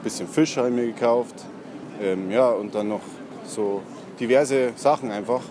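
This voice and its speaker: A young man works as a street prankster, spinning an aimless, long-winded story. He pads it with fillers and refuses to be cut off. His mid-pitched voice sits in clear outdoor street noise. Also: normal speed. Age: young adult. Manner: long-winded, filler-laden, keeps going over interruptions. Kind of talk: rambling, deliberately pointless storytelling to passersby. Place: outdoors on a busy city street. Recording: noisy busy street, traffic ambience.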